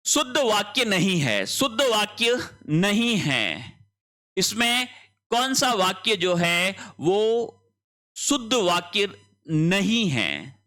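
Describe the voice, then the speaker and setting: A man's voice: high-pitched, very animated, slow pace, bright, forceful tone. A man working through an exam answer key as a tutor, explaining each option step by step and checking in with his students.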